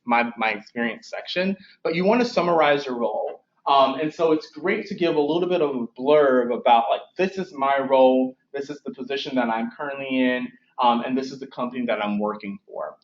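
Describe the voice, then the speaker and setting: A young career advisor gives an informal instructional presentation, speaking conversationally and often rephrasing himself, his speech slightly impeded by braces. His medium-pitched voice runs a little fast with few pauses. The recording is dull and lo-fi, in an echoey room.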